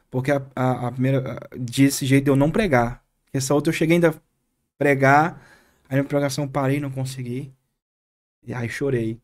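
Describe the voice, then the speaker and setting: A man, a pastor with a Brazilian accent, earnestly retelling a moving experience as a podcast guest, with halting restarts. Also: medium pitch. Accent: Brazilian Portuguese. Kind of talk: podcast interview storytelling.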